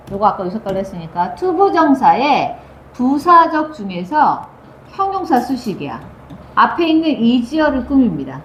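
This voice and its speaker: A woman teaching English grammar to high school students, asking questions and answering them herself, and reading English phrases out slowly. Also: highs cut off. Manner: asks and answers her own questions. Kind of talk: grammar lecture. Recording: echoey room with faint noise.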